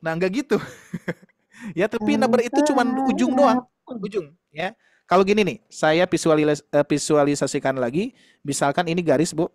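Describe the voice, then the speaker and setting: A man's voice: high-pitched, normal speed. A man teaching Quran recitation in an online class, explaining patiently and demonstrating sounds with light laughs.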